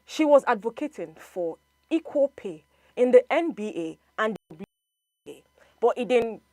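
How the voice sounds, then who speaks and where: Lively, assertive woman pushing back. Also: on the high side, moderate pace, no room sound. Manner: assertive, lively, lists examples. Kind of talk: casual debate.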